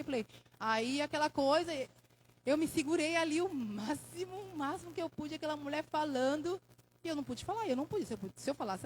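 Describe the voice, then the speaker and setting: A woman's voice: sits high, slight background noise, poor audio. A Brazilian woman giving an emotional testimony in church, preaching with fervor and calling for amens. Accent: Brazilian Portuguese. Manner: impassioned, preaching with call-and-response "amém".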